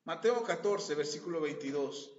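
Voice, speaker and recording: A man with a Mexican accent preaching a sermon as pastor, a lively storyteller who jokes and acts out the scenes he reads. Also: fairly high pitch, normal speed. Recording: very echoey, dull lo-fi podcast audio.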